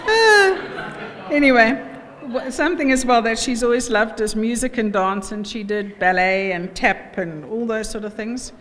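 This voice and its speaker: A middle-aged South African woman gives an informal wedding toast as mother of the bride, chatty, jokey and halting. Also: on the high side, fairly bright tone. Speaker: mother of the bride giving a speech. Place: wedding reception room. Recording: echoey hall, background noise.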